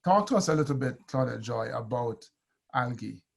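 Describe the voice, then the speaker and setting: A man hosting an interview, asking questions in an unhurried way with many fillers. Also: medium pitch, lively intonation, vocal fry, slightly rough. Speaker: host. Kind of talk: conversational interview.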